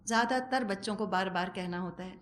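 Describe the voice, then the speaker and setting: A middle-aged woman giving a religious lecture as a Quran teacher, conversational and animated, with wry humor and acted-out asides. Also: medium pitch. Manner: animated, acts out quoted speech.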